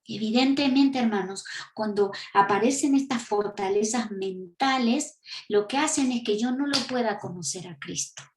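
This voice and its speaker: A woman with an Argentine Spanish accent preaches a teaching sermon, emphatic and full of rhetorical questions. Her voice is medium-pitched at a moderate pace, recorded in an echoey room.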